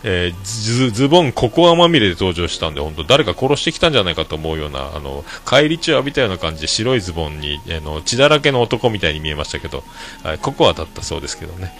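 Low-voiced man chatting casually, lilt. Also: very animated, very fast, a bit bright, faint music behind. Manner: rambling, many fillers, laughs at own jokes. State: hoarse. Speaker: podcast host. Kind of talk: casual solo chat to listeners.

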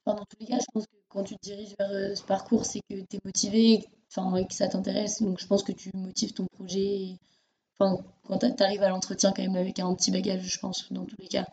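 A woman's voice: mid-range voice, monotone, fast, darkish tone. A young woman hosting a casual student podcast interview in an informal, encouraging way. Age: young adult.

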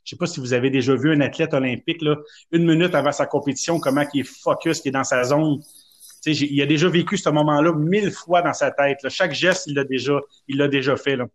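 Chatty Québécois man, fairly high voice. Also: fast. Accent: Québécois French. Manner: chatty, self-mocking, storytelling. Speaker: podcast co-host. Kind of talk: casual chat.

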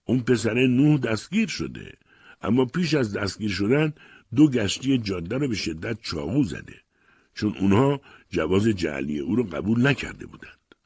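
Man voicing a hard plantation master, firm and commanding, husky, lively delivery, audiobook. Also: on the low side, dry recording, studio quality, full character voice. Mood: accusing. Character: stern male slave-owning plantation master.

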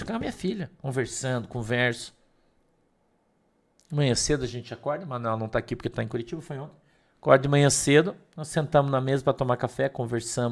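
A middle-aged man preaching a sermon, emphatic, swinging between loud stresses and soft asides. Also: mid-range voice, creaky. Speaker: pastor.

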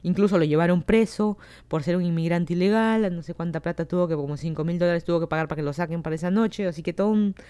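A woman's voice: on the low side, quick pace, few pauses, mellow, smooth. A woman with a Peruvian accent, hosting a podcast and chatting in an opinionated, rambling way with plenty of asides. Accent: Peruvian Spanish. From Peru. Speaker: podcast host. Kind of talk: casual solo commentary. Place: home in Miami.

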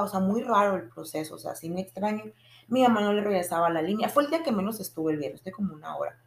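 A young woman tells a personal story to her viewers in a casual, animated way. Frustration runs through how she tells it. Her voice has a gravelly fry, and the room around her echoes. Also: mid-range voice. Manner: animated, frustrated retelling with frequent restarts and acted quotes. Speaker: vlogger.

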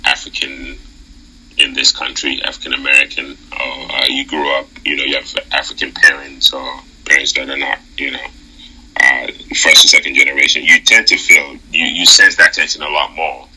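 A man's voice: a bass voice, little pitch movement, normal speed, pushed and bright, slightly rough, low-quality recording. A young man from Nigeria with a slight Nigerian accent, a seminary student speaking thoughtfully as a podcast guest, with hesitant restarts. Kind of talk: casual conversation.

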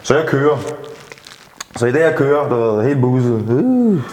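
A man's voice: mid-range voice, a little hiss or hum. Man telling a story in an echoey room. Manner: lively, rambling, swears casually, repeats words. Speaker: podcast guest. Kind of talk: candid storytelling in conversation. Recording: reverberant room with long echo.

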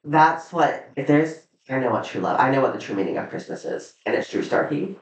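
A man's voice: medium pitch, lively intonation, fairly quick, a little hiss or hum. A man co-hosting a podcast in casual chat, gushing, swearing freely and drawing words out. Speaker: podcast co-host. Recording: roomy, distant, dull sound.

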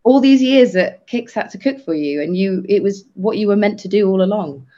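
A man co-hosting a podcast, talking earnestly and haltingly with many restarts. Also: high-pitched, warm tone. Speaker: podcast co-host. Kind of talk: casual podcast chat. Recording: dull lo-fi sound.

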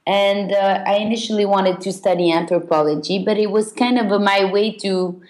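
A Belgian woman appearing as a podcast interview guest speaks reflectively and haltingly, using many fillers. Her mid-range voice has a darkish tone, and the room sounds echoey.

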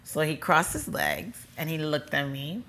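A young adult woman telling a personal story in casual chat, animated and acting out quoted voices with lots of "like". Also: low voice, unhurried, slight background noise. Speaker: storyteller recounting her courtship.

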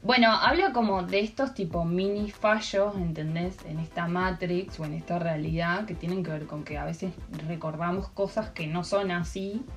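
Young adult woman, Argentine accent, lowish voice, meandering casual storyteller, faint music bed. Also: fairly even intonation, normal speed, hardly any pauses. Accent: Argentine Spanish. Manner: rambling storyteller with many fillers. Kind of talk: casual chat.

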